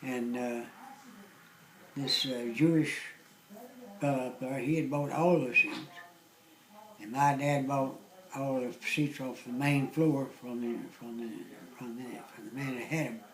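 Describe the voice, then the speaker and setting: An older man from southwest Virginia with an Appalachian accent, casually recounting memories in a folksy, halting way. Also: medium pitch, fairly even intonation, reverberant, rough recording. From southwest Virginia, United States. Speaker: interviewee recounting local memories. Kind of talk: casual oral-history reminiscing.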